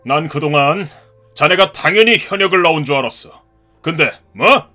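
A man voicing a gruff, hot-tempered ex-marine father in his fifties who scolds and shouts in a cartoon story. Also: a little high, lively intonation, moderate pace, soft background music, voice pushed down. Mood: furious. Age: 50s.

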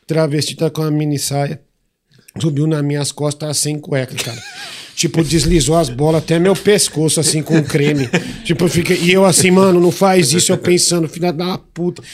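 Brazilian male guest, slightly high voice, lively anecdote teller who swears freely. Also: normal speed. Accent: Brazilian Portuguese. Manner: animated, swears freely, voices the people in his stories. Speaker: podcast guest. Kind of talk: casual storytelling.

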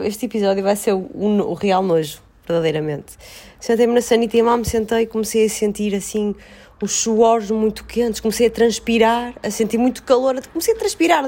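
A woman with a European Portuguese accent, telling her side of a story in casual chat, insistent and expressive. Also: on the high side, brisk.

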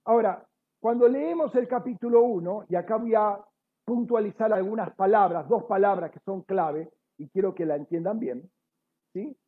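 On tinny, phone-like audio, a man teaches a sermon by explaining each word in turn, speaking at normal speed in a high, slightly rough voice. This Bible teacher corrects himself and apologizes often, and he checks that his listeners are following.

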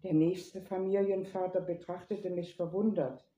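Mellow woman reading a story aloud. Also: on the low side, level tone, normal speed, dull audio. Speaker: reader. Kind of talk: storybook narration. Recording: echoey room.

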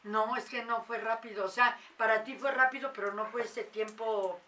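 A woman, a mother telling a paranormal story in casual, animated talk. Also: a little high, moderate pace, far from the mic. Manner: animated, acts out quoted voices.

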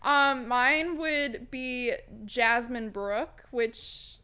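Slow-talking high-voiced woman host. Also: pushed and bright, clear, resonant tone. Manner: playful, teasing, laughs often. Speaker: podcast co-host. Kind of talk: casual chat.

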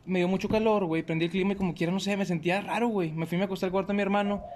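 A young man with a Mexican Spanish accent, telling a story in casual, slangy talk and acting out the shouts and quotes. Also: high-pitched, steady tone, racing, slight background noise.

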